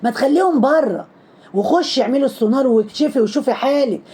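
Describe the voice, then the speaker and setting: A high-voiced woman with an Egyptian accent tears through her lines at breakneck speed. Her tone is dark and mellow, yet every line scolds and mocks. She hammers each jab home with repetition in a sarcastic commentary style. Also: quick pace, slightly rough. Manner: scolding, mocking, heavy repetition. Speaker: social media commentator. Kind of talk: sarcastic commentary on trending videos.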